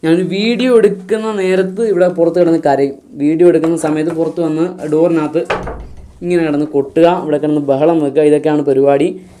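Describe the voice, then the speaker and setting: A man's voice: on the high side, fairly even intonation, brisk, mellow, a little hiss or hum. A man filming himself playing with a toddler, using coaxing, repetitive baby talk full of sing-song questions.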